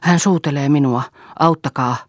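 A woman's voice: sits low, no room sound, studio quality. A woman reading aloud voices a delirious, dying young woman who cries out in fever. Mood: frantic. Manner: feverish, crying out.

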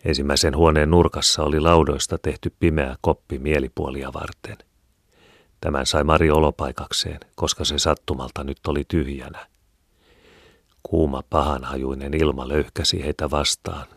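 A man reading a classic novel aloud in a measured, even storytelling manner. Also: rumbling low, no echo, clean studio sound. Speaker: audiobook reader. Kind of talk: scripted narration.

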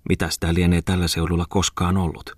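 A man's voice: low voice, level tone, breathy edge, dry recording. A man playing a traveling male artist who murmurs his musings to himself. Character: young-ish male artist traveller, wry.

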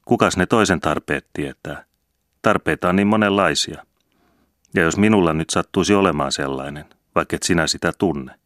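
A man's voice: low-pitched, a bit bright, no echo, clean studio sound. A man doing a sly teasing old widower. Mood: earnest. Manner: playful, chuckling, sly.

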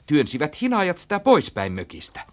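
A man reading a children's story aloud in an animated, rhythmic storytelling style. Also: on the high side. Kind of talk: expressive storybook narration.

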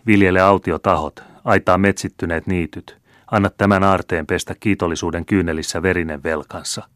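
Brief: male reader doing an impassioned old general, deep voice, louder than the narration. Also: fairly even intonation, no room sound, clean studio sound. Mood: solemn. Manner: grave and impassioned. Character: aging proud male general, father. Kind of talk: audiobook character reading.

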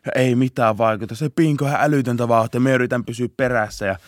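A young man, a police officer, telling a story in a casual podcast interview, laughing often and shouting out bursts of the chase. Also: medium pitch, steady tone, no room sound. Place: podcast studio.

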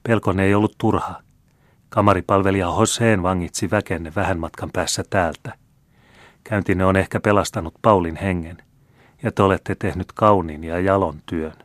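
A dignified older countess, as a male reader voices her, calm and gracious in an audiobook. The voice is deep and low. The sound is dry. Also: no room sound, natural voice.

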